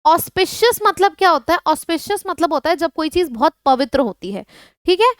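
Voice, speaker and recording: A woman's voice: extremely high pitch, expressive, fairly quick, dry recording, studio quality. A woman with an Indian accent teaching an exam-prep vocabulary lesson. She runs through word lists and puts questions to the viewers. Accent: Indian English.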